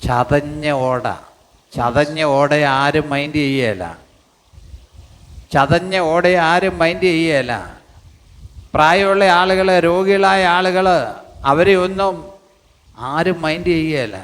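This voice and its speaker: A man's voice: fairly high pitch, measured pace, pauses often, a bit bright. An older man, preaching a sermon emphatically and repeating lines for the congregation. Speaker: pastor. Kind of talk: sermon with congregation reading scripture.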